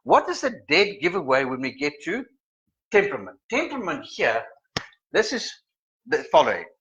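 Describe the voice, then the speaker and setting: A middle-aged man gives a lively live-streamed lesson. His fairly high, bright voice leaps up and down in pitch as he acts out examples. The sound is a little dull. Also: moderate pace. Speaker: personality trainer. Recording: slightly muffled sound.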